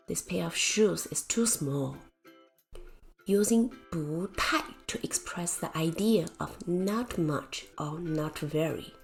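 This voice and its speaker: A woman narrates a scripted beginner language lesson in a low, slightly gravelly voice. She speaks slowly and carefully, and her pitch moves a lot as she explains each example. Faint music plays behind her. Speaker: Chinese language teacher.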